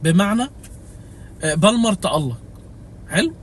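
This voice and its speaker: A man's voice: high voice, big pitch swings, normal speed. A young Egyptian man with an Egyptian accent, ranting comically about his fantasy football team in an exasperated, mock-pleading way. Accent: Egyptian Arabic. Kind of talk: comedic fantasy football rant.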